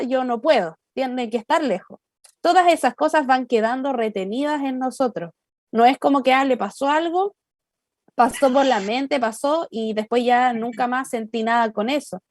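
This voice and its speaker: A woman's voice: sits high, normal speed, no room sound, studio quality. A woman with a Chilean accent co-hosting a church talk show, answering respectfully and thoughtfully with many hesitations. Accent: Chilean Spanish. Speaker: co-host.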